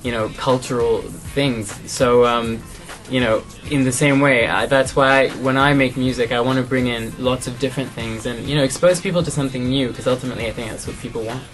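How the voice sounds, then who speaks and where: A young man from Canada, a singer, answering interview questions in a relaxed, thoughtful way with many fillers. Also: medium pitch, fairly quick, hardly any pauses, soft background music. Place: music studio, indoors.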